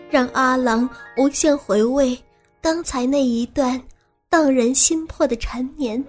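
A woman reads serialized audiobook narration in a steady, smooth manner. Her voice is clearly high. Faint music plays beneath her.

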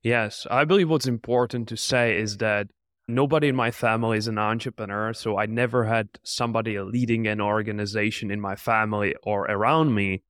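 A man's voice: on the low side, steady tone, brisk, fairly bright tone, no room sound, clean studio sound. A man in his twenties from the Czech Republic, an entrepreneur answering interview questions in an earnest, motivational way. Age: 20s. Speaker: podcast guest, entrepreneur.

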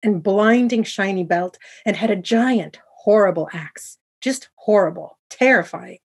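A woman's voice: medium pitch, measured pace, slightly rough. A woman voicing an old male farmer and father, speaking in a trembling, fearful way. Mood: rueful.

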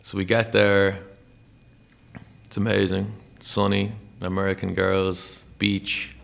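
An Irish musician in his thirties spins a long anecdote. His voice sits low and gravelly, and he rambles along with plenty of filler. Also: takes it slowly. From Ireland. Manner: rambling, animated storyteller with many "like"s. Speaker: guest, musician. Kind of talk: casual storytelling interview.

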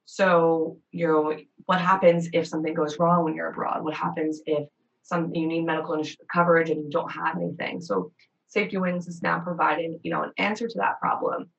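A woman's voice: sits low, steady tone, brisk, vocal fry, far from the mic, lo-fi sound. A woman hosting a podcast, speaking in an upbeat, enthusiastic way as she introduces and questions her guest. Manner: enthusiastic, bubbly. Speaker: podcast host.

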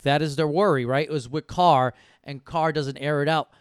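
A man's voice: fairly high pitch, fairly even intonation, normal speed, smooth, dry recording, studio quality. Casual swearing young man thinking aloud. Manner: thinking aloud, swearing, talking himself in and out of picks. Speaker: fantasy football streamer. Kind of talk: casual live draft commentary.

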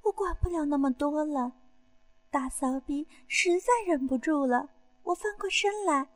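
Very high-voiced woman reading an adult story. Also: a little slow. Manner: loud, crude, breathless delivery. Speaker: narrator. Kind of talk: first-person adult audio story reading.

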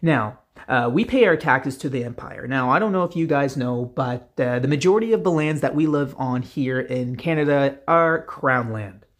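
A man's voice: mid-range voice, normal speed, few pauses. A man hosting a casual solo podcast, talking in a loose, rambling way with many "uh"s and restarts. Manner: rambling, frequent filler words and restarts. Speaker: podcast host. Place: Canada.

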